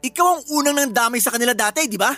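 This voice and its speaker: A woman with a Filipino accent plays an angry, suspicious girlfriend in a radio drama, her fairly high voice racing, pushed and bright. She's sarcastic, confrontational and accusing, with background music under her voice.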